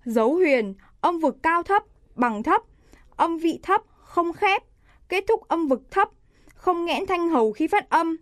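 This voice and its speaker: A woman's voice: very high-pitched, no echo, studio quality. A woman teaching pronunciation, reading word lists aloud and articulating each word carefully. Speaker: language teacher.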